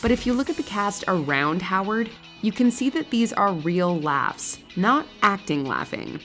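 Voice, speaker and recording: A woman's voice: mid-range voice, sing-song, unhurried, fairly bright tone. A woman reading scripted narration for a countdown list. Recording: music behind the voice. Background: background music.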